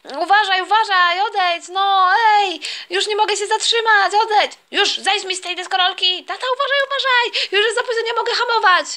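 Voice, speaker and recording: A cheeky young skateboarding son, acted out by a woman in a toy play, with a high, bright voice. He talks back with defiance. The tone is quick and restless. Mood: panicky. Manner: defiant, then panicky.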